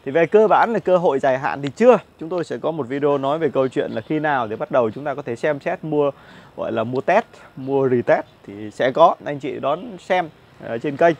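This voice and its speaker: On an outdoor cafe patio with plants, a man in his thirties wearing a lapel mic gives casual stock market commentary, chatty and full of fillers and repeated words. His mid-range voice is animated, brisk, gravelly and darkish in tone.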